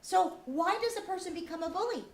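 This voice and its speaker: A high-voiced woman teaches schoolchildren an earnest, upbeat lesson with lively intonation and a slightly fast pace, quizzing them and repeating the answers. The mic is distant, the room echoes, and there's faint background noise.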